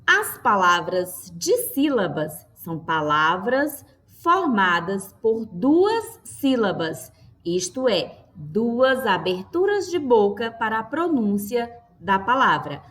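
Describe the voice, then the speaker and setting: A woman teacher giving a lesson, speaking slowly and clearly, stressing each word and checking in with her class. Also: mid-range voice, sing-song, a bit bright.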